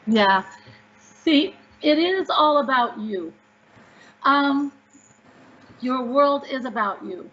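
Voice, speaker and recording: A woman's voice: high voice, lively intonation, takes it slowly, pauses often, fairly bright tone. A woman author answering interview questions, upbeat and emphatic as she tells stories. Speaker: author guest. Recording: dull lo-fi audio.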